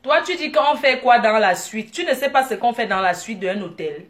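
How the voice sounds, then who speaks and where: Woman vlogger, higher-pitched voice, lively laughing storyteller with excited outbursts. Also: moderate pace. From Africa. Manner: animated, laughing, bursts into excited exclamations. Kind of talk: casual vlog storytelling.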